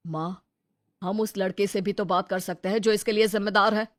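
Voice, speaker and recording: In a dramatized Hindi storybook, a woman plays a young adult elder brother who is protective and level-headed, delivering his lines firmly and earnestly, mostly low-key and calm. Her natural voice is brisk with fairly even intonation, over soft background music.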